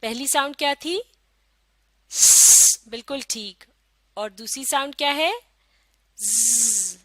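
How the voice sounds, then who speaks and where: A woman teaching a phonics lesson, sounding out letters slowly and asking questions for children to answer. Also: on the high side, sharp tone, no room sound. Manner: slow, drawn-out sounding of letters with call-and-response questions.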